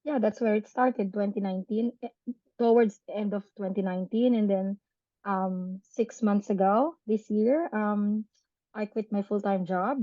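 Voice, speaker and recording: Chatty woman, warm dull audio. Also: medium pitch, normal speed, no echo. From Philippines. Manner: chatty and animated, laughs often, tag questions. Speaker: podcast guest, business owner. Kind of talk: casual interview chat.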